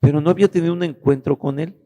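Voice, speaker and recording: A middle-aged man giving a personal testimony, halting and restarting as he searches for words. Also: on the high side, steady tone, mellow.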